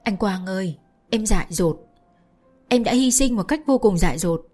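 A woman plays a tearful young woman, pleading through tears. Her medium-pitched voice is lively in intonation, a little mellow and close to everyday speech, moving at normal speed. Soft music plays in the background.

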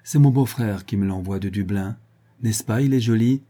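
Brief: gentle lovestruck marquise from a storybook, quiet and hushed, read by a man. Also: fairly low pitch, moderate pace, natural voice. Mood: tender. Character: young marquise in love, gentle woman.

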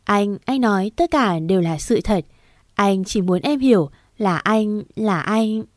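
A woman reading the lines of a tender, earnest young husband in a storybook romance, in a gentle, reassuring way. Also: mid-range voice, animated, a little slow, no echo, studio quality, lightly acted.

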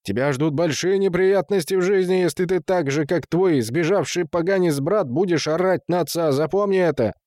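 A man's voice: a little high, lively intonation, normal speed, a little mellow, no room sound, clean studio sound, lightly acted. A man reading an audiobook, voicing an irate middle-aged husband who scolds and blusters. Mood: angry scolding. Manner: scolding, indignant. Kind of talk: audiobook character voice.

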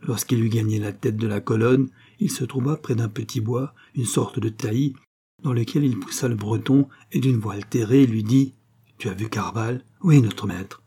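A man narrating a historical novel in a measured, expressive reading. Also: mid-range voice, slightly rough. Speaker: audiobook narrator. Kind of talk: scripted narration.

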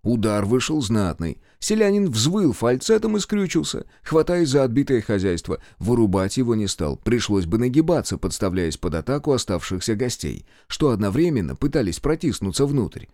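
A man narrating a first-person fantasy audiobook in an expressive, wry storytelling manner. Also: medium pitch, moderate pace, few pauses, no room sound, clean studio sound.

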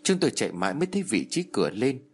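A man narrating a horror story, voicing the shouts and pleas of its characters in a dramatic storytelling manner. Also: big pitch swings, very fast, husky. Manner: acts out the characters' shouts and pleas with raised pitch.

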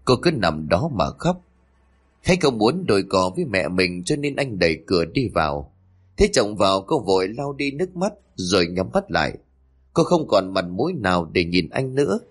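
A man's voice: on the low side, sing-song, normal speed, slightly rough. A man narrating a dramatic family story in scripted storytelling.

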